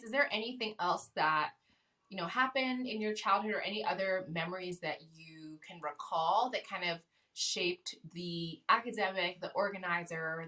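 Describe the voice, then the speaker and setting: A woman's voice: fairly low pitch, bright, forceful tone, recorded from a distance. A woman co-hosting a podcast, asking friendly, layered questions. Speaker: podcast co-host. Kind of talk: conversational interview.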